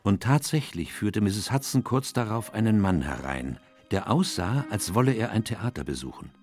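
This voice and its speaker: An actor playing a genteel, earnest Victorian doctor who narrates and converses in a German radio play. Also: male voice, lowish voice, lively intonation, moderate pace, faint music behind, lightly acted. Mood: reflective narrating. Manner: earnest, gentlemanly.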